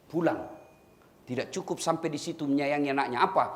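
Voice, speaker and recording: A middle-aged preacher speaking Makassar-accented Indonesian delivers a funny sermon of stories, directly addressing listeners as "Pak." His voice is on the high side and a little quick.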